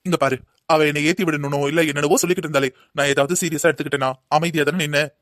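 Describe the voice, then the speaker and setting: A patient young cartoon husband, voiced by a man, soothing and explaining at a quick clip. His voice is slightly high and dry, close to the mic. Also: fairly even intonation, fairly bright tone, no room sound, natural voice. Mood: calm. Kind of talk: cartoon voice acting.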